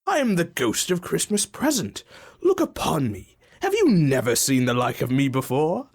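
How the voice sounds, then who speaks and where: A woman plays a jolly, giant Christmas spirit in a radio play, grand and kindly, with a voice that leaps wildly up and down. The booming exclamations sweep over each line. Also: wildly swooping pitch, normal speed, husky, heavily acted. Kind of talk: student radio drama acting.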